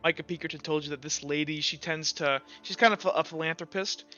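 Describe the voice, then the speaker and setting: In a fairly high, sharp voice with fairly even intonation, a man briskly improvises narration as game master of a tabletop roleplaying game. He is casual and hesitant, his loose delivery thick with "like" and "kinda." Background music sits behind dull lo-fi sound.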